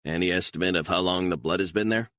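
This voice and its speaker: A man's voice: low-pitched, fast talker, a bit bright, no room sound, studio quality. A man voicing an impatient intelligence chief who presses for answers. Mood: demanding. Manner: demanding, pressing.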